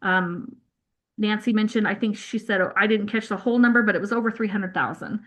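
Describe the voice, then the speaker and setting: A woman presenting as a family newsletter editor on a video call, halting and self-conscious, with many fillers and apologies. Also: medium pitch, a bit bright.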